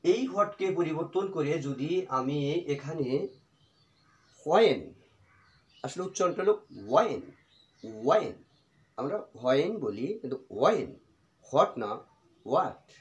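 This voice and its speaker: A middle-aged man teaching English, drilling example phrases slowly and repeating each with its translation. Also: a little high, expressive. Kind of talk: spoken English lesson in Bengali. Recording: echoey room.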